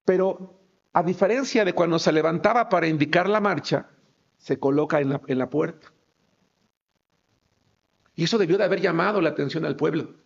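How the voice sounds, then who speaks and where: A man's voice: on the high side, moderate pace, gravelly, long pauses. A male pastor preaching a sermon, emphatic and firing rhetorical questions at his congregation. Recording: dull lo-fi recording.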